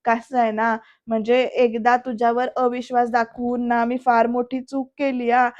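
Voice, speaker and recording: Varad, a calm young politician, read by a woman. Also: on the high side, moderate pace, dull audio, close to an everyday voice. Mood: calm teasing.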